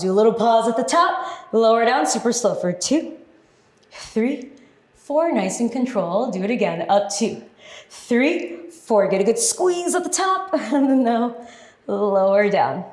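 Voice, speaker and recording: A woman's voice: fairly high pitch, sing-song, slow. A woman working as an aerobics instructor, leading a workout with short, encouraging, directive cues and counted-out moves. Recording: echoey, roomy sound.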